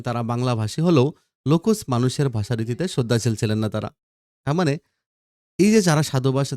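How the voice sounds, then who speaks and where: A man's voice: medium pitch, darkish tone, no echo, clean studio sound. A man teaching a school grammar lesson, repeating key points and asking questions that he answers himself. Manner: asks the class questions and answers them himself. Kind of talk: recorded video lesson.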